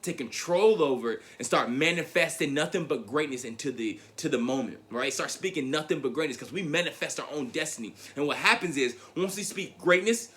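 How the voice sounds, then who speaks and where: A young adult man giving a motivational speech, telling a personal story in an animated way, often repeating his words and calling the audience "guys". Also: on the high side, a little fast, hardly any pauses. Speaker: motivational speaker.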